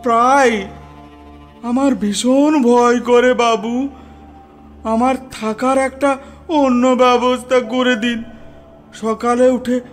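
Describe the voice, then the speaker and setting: An actor playing a timid, hard-of-hearing male servant in a radio play, speaking in a meek, pleading, hesitant way. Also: very high-pitched.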